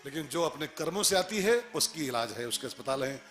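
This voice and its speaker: Preacher guy, kinda high voice, keeps repeating his questions, soft music under it. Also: brisk. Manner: animated, rhetorical questions, repeats phrases for emphasis. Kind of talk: devotional sermon.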